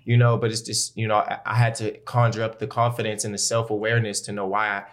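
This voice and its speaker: A man's voice: lowish voice, completely flat delivery, fast. An American man talking in a casual, candid chat, using lots of slang and conversational filler. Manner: slangy, candid, peppered with "bro" and "you know". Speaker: musician, rapper. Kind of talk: casual podcast-style chat.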